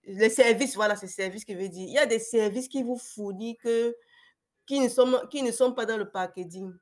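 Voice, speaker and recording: A young adult woman with a slightly high voice speaks at normal speed. A cold affects her voice as she hesitantly gives a casual testimonial as a former client on a video call webinar, with many fillers and restarts.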